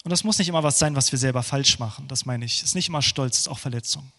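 A man's voice: rapid-fire, vocal fry. Man preaching in a reverberant hall. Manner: swings between rising fervent passages and hushed, low prayerful ones. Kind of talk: sermon.

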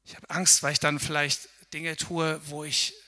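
A man's voice: a little high, flat delivery, moderate pace, pushed and bright. A man preaching a sermon in a chatty, conversational way, often tagging his sentences with a questioning "ne" and acting out people's inner voices. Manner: conversational, frequent tag "ne?", acts out inner voices. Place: church service.

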